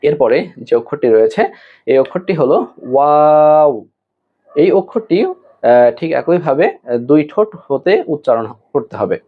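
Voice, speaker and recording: A male Quran teacher giving an online lesson, explaining how to pronounce Arabic letters slowly, with pauses and fillers, and drawing out the letters as examples. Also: fairly high pitch, sing-song, husky. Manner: slow and deliberate, with hesitation fillers, drawn-out model pronunciations. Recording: tinny phone-like audio.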